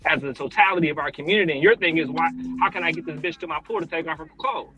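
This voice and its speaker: A man arguing dismissively in a heated panel debate, with a husky, sharp voice and coarse language. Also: on the high side, rapid-fire, lo-fi sound, faint music behind. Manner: argumentative, dismissive, profane.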